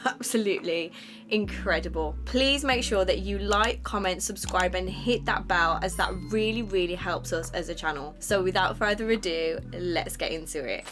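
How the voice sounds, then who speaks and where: A woman hosting an interview, upbeat and quick to laugh along with her guest. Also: lowish voice. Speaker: interview host.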